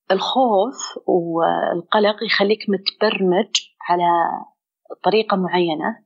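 A woman's voice: mid-range voice, husky, dull audio. A woman with a Saudi accent, a psychologist explaining things conversationally and acting out inner dialogue. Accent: Saudi Arabic. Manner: expressive, acts out inner dialogue. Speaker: psychologist guest.

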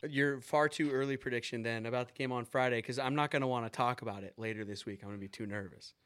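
A man from Seattle hosting a casual sports podcast, excitable, swinging from loud outbursts to mumbled asides. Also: mid-range voice, fast talker, clean tone. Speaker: podcast host.

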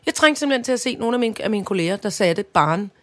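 A woman's voice: medium pitch, animated, fairly bright tone. A middle-aged woman chats casually on a podcast, her voice sitting in an ordinary middle register. She talks with emphatic enthusiasm and a playful, teasing edge. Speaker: podcast co-host. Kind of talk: casual chat.

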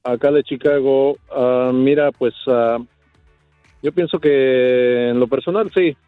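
A man from Mexico calling in to a radio show, speaking hesitantly and filling pauses with "ah" and "eh". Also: medium pitch, steady tone, clear, resonant tone, no room sound, faint music behind. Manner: hesitant, full of fillers. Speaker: caller. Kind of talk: casual phone-in chat. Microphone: phone. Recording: tinny dry phone line.

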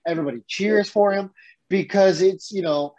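A man's voice: sits high, normal speed, dull audio. A man co-hosting a casual sports podcast, ranting with energy and the odd curse. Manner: animated, swears, rants. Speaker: podcast co-host.

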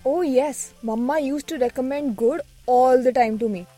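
Give the voice of a woman with a North Indian accent and a high pitch. She co-hosts a cooking show in scripted but casual dialogue, chatting and dropping in Hindi words. Soft music plays behind her. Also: moderate pace. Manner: chatty Hindi-English code-switching. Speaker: co-host of a cooking podcast.

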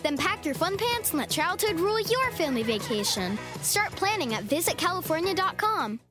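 Very high-pitched bubbly ad character. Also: female voice, sing-song, a little fast, over loud music. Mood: playful. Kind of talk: scripted ad read.

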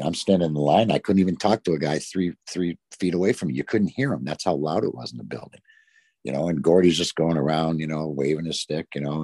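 A middle-aged man from the Detroit area, once a hockey player, tells long, rambling stories in an interview, saying "you know" constantly. His very deep voice is a little mellow with a breathy edge, and the recording is dry.

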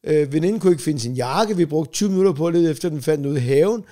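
A man's voice: fairly high pitch, lively intonation, warm tone. A middle-aged man co-hosting a casual comedy podcast, telling family anecdotes and acting out what his relatives say, swearing freely. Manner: acts out quoted family members, swears freely.

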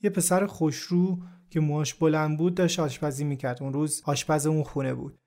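A man narrates a true first-person story for a podcast in an even, reflective, scripted way. His voice sits slightly above the usual male pitch, and his delivery stays calm and measured throughout.

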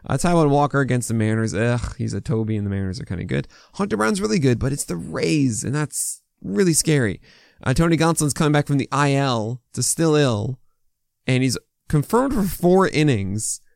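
A man's voice: medium pitch, vocal fry, darkish tone, dry recording, clean studio sound. An American man hosting a fantasy baseball podcast, talking with a swollen mouth in casual, opinionated, unscripted commentary full of asides.

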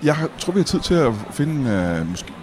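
A man's voice: on the high side, very animated, noisy background. A man hosting a mock interview in a comedy show, asking probing, faux-naive questions outdoors at a street market. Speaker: host and interviewer.

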